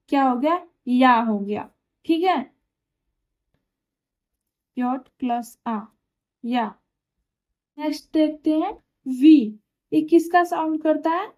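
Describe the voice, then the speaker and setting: A woman's voice: sits high, a little mellow. A woman teaching German pronunciation, who patiently asks questions and answers them herself. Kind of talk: explaining pronunciation rules.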